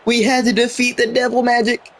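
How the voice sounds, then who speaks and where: A young man giving excited commentary on a football video game he is playing, exclaiming and mildly swearing. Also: very high voice, a little fast. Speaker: gaming YouTuber.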